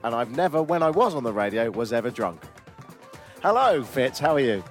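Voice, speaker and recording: A man's voice: medium pitch, sing-song, a little fast, faint music behind. A man hosting a travel vlog outdoors on a river boat, speaking in a dry, self-deprecating, joking way. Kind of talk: casual travel chat.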